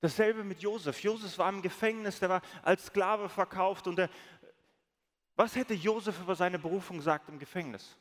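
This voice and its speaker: Animated pastor in a big reverberant hall. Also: male voice, high voice, moderate pace. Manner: storytelling, animated, acts out quoted voices. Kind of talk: sermon. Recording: long reverb of a large hall.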